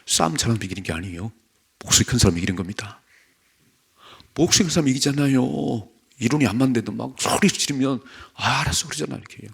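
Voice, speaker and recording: A man preaching at a dawn prayer service, swinging between loud, emphatic points and hushed asides. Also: fairly low pitch, gravelly, breathy edge. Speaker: pastor.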